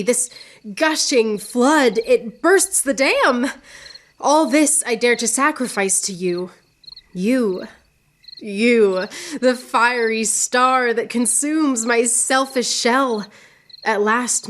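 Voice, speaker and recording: In a radio theatre piece, an actress voices a witty, proud poet pining for love, delivering her lines theatrically and yearningly with drawn-out phrases. Her voice is on the high side.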